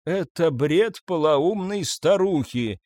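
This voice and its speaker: A man's voice: a little high, expressive, takes it slowly, a little mellow, dry recording, clean studio sound, voice pushed up. A man playing an agitated, defensive man brushing off accusations. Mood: indignant. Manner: indignant, flustered.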